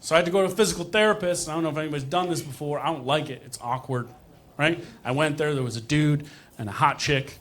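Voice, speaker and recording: A man's voice: a little high, fast talker, fairly bright tone. A man doing self-deprecating stand-up comedy in a conversational way, acting out dialogue, with crowd laughter. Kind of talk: stand-up comedy storytelling to a live audience. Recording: noisy live comedy show, audience laughter.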